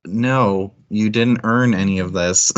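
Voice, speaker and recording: Slow-paced and on the low side, a man's voice comes through with lo-fi sound. He co-hosts a book club livestream, chatting informally about books and rambling as he thinks aloud.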